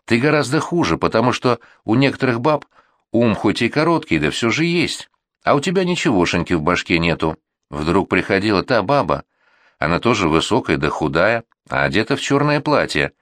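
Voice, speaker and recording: A man reading an audiobook who voices a gruff, menacing male gang commander, growling and scornful. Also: lowish voice, big pitch swings, brisk, a bit bright, dry recording, clean studio sound, voice pushed up.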